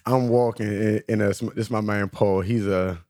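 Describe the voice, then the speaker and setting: A man's voice: on the low side, steady tone, normal speed, a little mellow. A man on a podcast telling a street story casually, with many fillers and restarts. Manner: rambling, full of fillers and restarts. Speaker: podcast guest.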